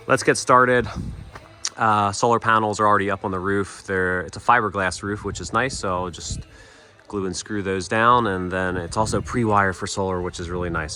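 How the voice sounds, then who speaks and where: A man casually walking through an installation job he did, talking in a relaxed way with frequent fillers. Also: fairly low pitch.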